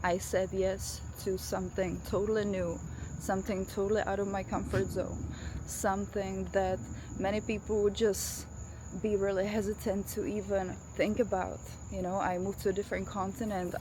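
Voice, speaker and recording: A Czech vlogger in her thirties, speaking English with a Czech accent in a mid-range voice, walks her dog through a neighborhood after rain while delivering an emphatic motivational talk directly to the camera. She films herself with a face-tracking camera, and crickets, insects, and passing traffic can be heard outdoors.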